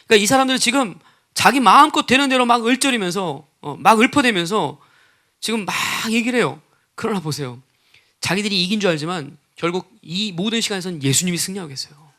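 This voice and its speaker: A man's voice: high-pitched, lively intonation, fast, pushed and bright. A male pastor preaching a sermon, with frequent rhetorical questions and acted-out quotes of scoffers.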